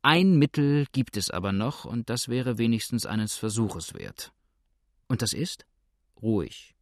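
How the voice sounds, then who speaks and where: A shrewd innkeeper talks in a calm, dry, unhurried manner, as a man reading aloud voices him. The delivery is soft and slow, a shade lower than the narration, on a dry close recording. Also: dry recording.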